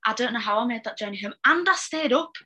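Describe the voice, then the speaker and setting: A young woman from England co-hosting a podcast with her partner, chatting casually with blunt, quick remarks. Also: a little high, animated, sharp tone, dull audio. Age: young adult. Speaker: podcast co-host. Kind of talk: casual couple chat.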